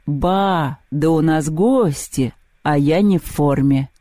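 A man's voice: fairly high pitch, slow pace, warm tone, dry recording, studio quality. A man voicing a lazy, hungover male thunder god who drawls, yawns and talks down to everyone, in a storybook reading. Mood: sleepy lazy. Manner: drawling, yawning, condescending.

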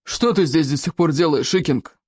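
A reader voicing a big, proud Viking chief who thunders slowly and commands. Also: medium pitch, lively intonation, dry recording, clean studio sound, lightly acted. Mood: stern.

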